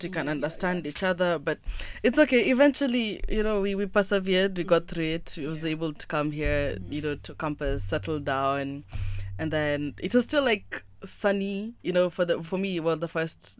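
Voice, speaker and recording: A young woman from Kenya hosts a casual podcast with a slightly low voice. She talks in a chatty, rambling way and breaks into laughter often. The sound is dry and close. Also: clean tone, dry recording. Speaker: podcast host.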